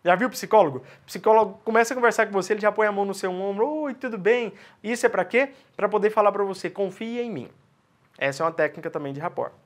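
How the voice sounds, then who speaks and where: A man's voice: high voice, rapid-fire, few pauses. Man teaching sales technique. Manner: direct, asks and answers his own questions. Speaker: sales communication instructor. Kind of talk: instructional talk to camera.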